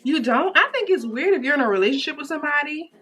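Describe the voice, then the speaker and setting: A young woman in casual girl-talk, speaking in an animated, emphatic, slangy way. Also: high voice, fast, soft background music.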